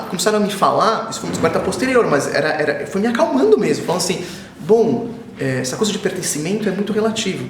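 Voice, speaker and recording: A children's author in his forties, born in Israel and raised in Brazil, speaks as an interview guest in a high-pitched voice. The audio is reverberant with slight background noise. He's thoughtful, often circling back and repeating phrases, and grows animated when he tells stories.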